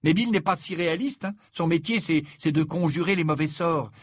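A man's voice: on the high side, brisk, no echo, studio quality, pitched above the performer's own voice, close to an everyday voice. A man voicing an outspoken teenage girl who speaks bluntly and scornfully in a storybook reading.

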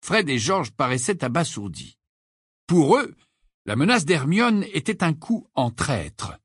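Husky man reading a story aloud. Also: on the high side, a little slow, dry recording, studio quality. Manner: lively storytelling, acts out characters. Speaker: audiobook reader. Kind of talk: expressive audiobook narration.

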